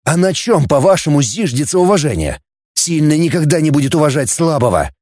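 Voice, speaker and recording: A man's voice: a little high, very animated, fairly quick, darkish tone, no room sound, clean studio sound. A man voicing a young junior space officer who argues his case with earnest, fervent conviction.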